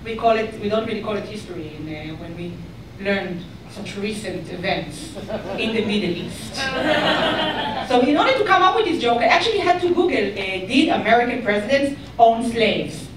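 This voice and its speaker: A woman from Israel with an Israeli accent doing a stand-up comedy set, deadpan and ironic with bursts of mock outrage. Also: on the high side, normal speed. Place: comedy club stage. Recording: echoey club, mic far away, audience noise. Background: audience laughter.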